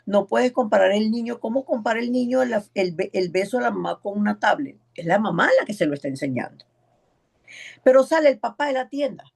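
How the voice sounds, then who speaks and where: In a sermon-like style, a preacher leads an evangelism class, repeating words for emphasis and acting out the voices of characters in a story. His mid-range voice is gravelly and slightly rough, and he speaks at a quick pace.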